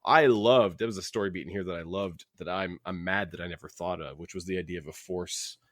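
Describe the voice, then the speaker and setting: Speaking fairly quickly in a low register, this podcast co-host rambles through a casual book chat, often starting his sentences over as ideas come to him. The sound is clean studio quality without echo.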